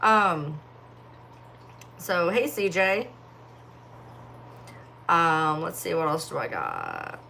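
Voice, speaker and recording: Her voice is deep and creaky, with wildly swooping pitch, a very slow pace, and frequent pauses, yet it stays bright and forceful over a little hiss or hum. The young woman is casually chatting on a phone livestream, reading comments while sleepy and yawning. Her distinctive delivery rambles and is packed with filler words.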